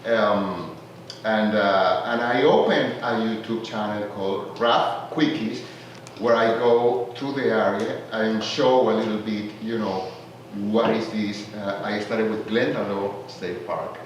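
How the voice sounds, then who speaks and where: Soft-spoken Venezuelan-born man, echoey room. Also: lowish voice, takes it slowly, muffled recording. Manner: hesitant, fills with "uh", warms into laughing enthusiasm. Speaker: tourism marketer introducing himself. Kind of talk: casual self-introduction at a meeting. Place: community meeting room. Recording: echoey room from far off, background noise.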